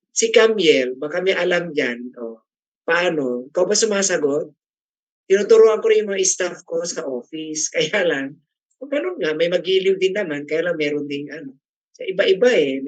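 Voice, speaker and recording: A man's voice: a little high, animated, measured pace, no echo, dull audio. Chatty man leading a class. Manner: chatty, teasing, asks class questions. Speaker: class facilitator. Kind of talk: casual classroom discussion.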